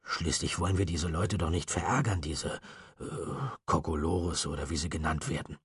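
A man's voice: a bass voice, fairly even intonation, moderate pace, breathy edge, no echo, studio quality, exaggerated voice. A man voicing a nervous, murmuring teenage boy. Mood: uneasy. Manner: hesitant, murmuring.

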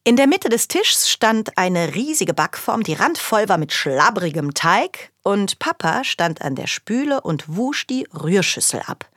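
Lively woman reading a kids' story. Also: mid-range voice, measured pace, hardly any pauses, no room sound, clean studio sound. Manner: chatty first-person girl's voice. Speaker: audiobook reader. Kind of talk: audiobook narration of a children's story.

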